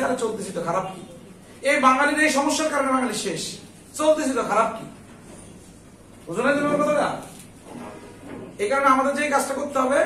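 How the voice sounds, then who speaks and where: High-voiced man teaching from far off. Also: fairly bright tone, reverberant, a little hiss or hum. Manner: coaxing, repeats questions back to students. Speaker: English tutor. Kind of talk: live class lecture.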